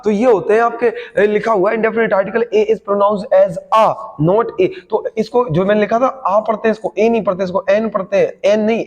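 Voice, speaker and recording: A man teaches English grammar, drilling each point again and again and tossing rhetorical questions at his students. His voice sits high for a man. A long echo hangs behind him. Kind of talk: classroom lecture.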